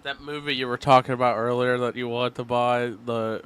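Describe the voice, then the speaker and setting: A man chatting as a co-host on a casual podcast, laughing loudly. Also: medium pitch, steady tone, brisk, smooth. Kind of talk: casual chat.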